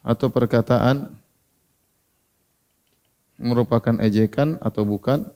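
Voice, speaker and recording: A man's voice: mid-range voice, steady tone, slow pace, mellow. A man giving a religious lecture, who keeps asking his listeners questions and answering them himself. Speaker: Islamic preacher.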